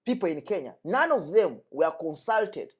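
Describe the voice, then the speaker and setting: In an earnest discussion, a young Congolese guest from the DRC speaks with emphasis and keeps circling back to his main points. His high voice is husky and sing-song, and his pace is moderate.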